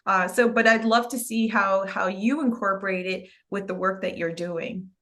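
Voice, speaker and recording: A woman's voice: mid-range voice, steady tone, moderate pace, pushed and bright. A woman who grew up in New Jersey, hosting a podcast interview in a chatty way, full of fillers and restarts. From United States (New Jersey). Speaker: podcast host and physician.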